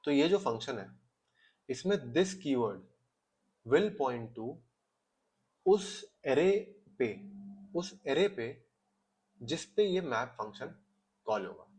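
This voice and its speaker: Man explaining code in relaxed Hindi-English. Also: medium pitch, extremely slow, long pauses. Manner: explains step by step, mixing Hindi with English terms, checks in with "ठीक है". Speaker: coding tutor. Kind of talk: casual screen-recorded coding lesson.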